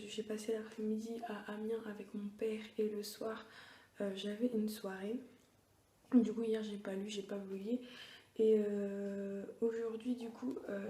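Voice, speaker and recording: A young woman book vlogger records a casual reading-challenge vlog diary at home at night, speaking in a hushed, often half-whispered voice. She's hesitant with many fillers, mellow and even at medium pitch, and the sound is roomy.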